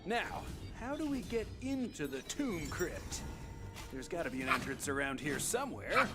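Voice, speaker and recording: Casting an excitable fantasy game companion: bouncy high voice, chatty, music behind. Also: male voice, moderate pace. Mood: eager. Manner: chatty, enthusiastic. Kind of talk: video game voice acting.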